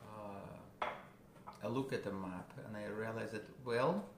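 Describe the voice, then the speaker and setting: A man with a Russian accent, a guest musician, talking casually in a halting way, searching for words with many fillers. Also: fairly low pitch. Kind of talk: casual interview. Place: a friend's house. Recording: roomy with background noise.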